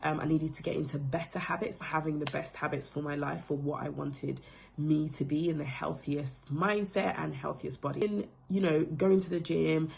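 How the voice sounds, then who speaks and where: A woman's voice: deep voice, steady tone, normal speed, vocal fry, a little mellow, slight background noise. A woman in her thirties from the Democratic Republic of Congo giving a casual, reflective testimonial about being coached, her phrasing loose and full of fillers. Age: 30s.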